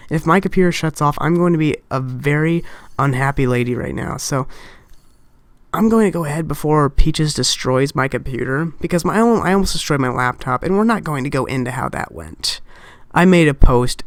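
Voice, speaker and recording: A woman's voice: low-pitched, no echo. Rambling young woman close on a dry mic. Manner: rambling, self-interrupting, distracted. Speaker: YouTuber. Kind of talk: casual game-theory vlog. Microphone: close desk mic.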